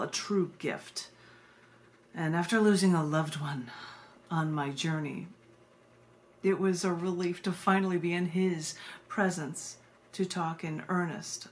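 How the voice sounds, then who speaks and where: Her deep voice carrying over slight background noise, a poet from the United States alternates between excitable, casual introductions and slow, dramatic readings of poems she wrote.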